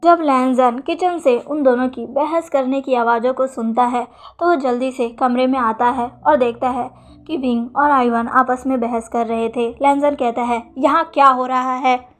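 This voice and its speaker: A woman narrating a fan fiction story in steady, even storytelling. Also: high voice, normal speed, soft background music.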